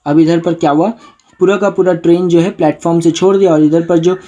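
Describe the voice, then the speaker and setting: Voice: mid-range voice, steady tone, a little fast, warm tone, highs cut off. A tutor explaining a school chapter, reading English lines phrase by phrase and then explaining them in casual Hindi, often checking in with the listener. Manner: keeps checking in with "ठीक है ना" as a filler.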